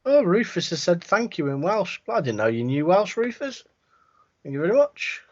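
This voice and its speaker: A man's voice: high-pitched, sing-song, moderate pace. Joking man, dull lo-fi sound. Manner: joking, teasing banter. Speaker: co-host of a live vape show. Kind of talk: casual live-stream banter.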